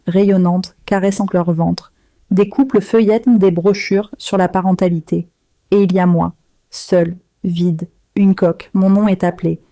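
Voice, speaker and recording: A woman reading a first-person story aloud in a slow, measured, subdued way. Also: medium pitch, mellow, no room sound. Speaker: narrator.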